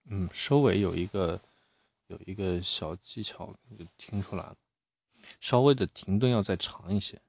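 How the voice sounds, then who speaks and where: Low-voiced man coaching reading aloud. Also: normal speed, darkish tone, slightly rough, no room sound. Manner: plain-spoken, repeats words while thinking. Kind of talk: live critique of reading aloud.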